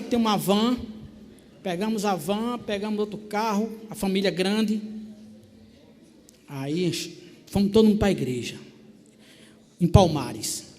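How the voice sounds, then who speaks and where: A man's voice: high-pitched, a little mellow. A man telling his testimony in a packed church, animatedly acting out family members' voices. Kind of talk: preached testimony storytelling. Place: church filled with people. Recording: reverberant church hall.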